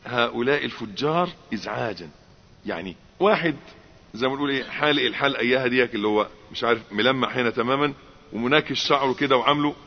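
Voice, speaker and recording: A man with an Egyptian accent preaching with wide swings of pitch, climbing to emphatic exclamations and acting out small dialogues. His voice has a slight husk. The recording is muffled, and it rings with the long reverb of a large hall. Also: breathy edge. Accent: Egyptian Arabic. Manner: animated, rising to emphatic exclamations, acts out dialogues. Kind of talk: Egyptian colloquial sermon.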